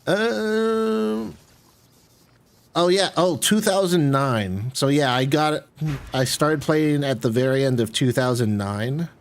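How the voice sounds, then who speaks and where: An American man streams games and rambles casually with his viewers. His voice is a little high and creaky, and he takes his time.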